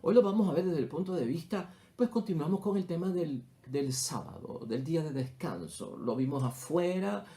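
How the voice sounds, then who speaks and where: Priest giving a homily, warm mellow voice, soft guitar playing underneath. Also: male voice, fairly high pitch, vocal fry. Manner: preaching, often repeats "brothers and sisters". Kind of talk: gospel reading and homily. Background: faint guitar music.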